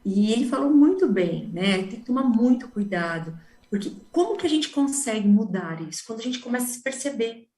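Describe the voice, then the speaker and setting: A woman's voice: on the high side, very animated, brisk, hardly any pauses, mellow, echoey room, recorded from a distance. A woman psychologist, a guest on a radio talk show, explaining things in a teaching way and leaning on words to make her point.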